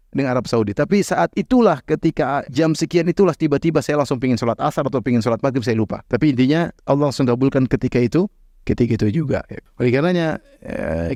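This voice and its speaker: A male preacher tells a story from the pulpit quickly and conversationally. He stops to correct himself and adds asides. The sound is dry and close, with no room echo. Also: medium pitch, warm tone. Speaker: Islamic preacher. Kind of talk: sermon storytelling.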